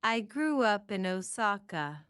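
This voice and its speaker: Woman reading practice phrases, unhurried, clean and crisp, each line repeated evenly, dry close sound. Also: medium pitch, no room sound. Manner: repeats each phrase several times, deliberate and even. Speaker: English phrase reader. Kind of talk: slow read-aloud of practice phrases.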